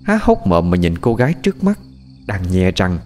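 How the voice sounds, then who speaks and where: Man, low voice, lively, ghost story narration, faint music, crickets. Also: normal speed.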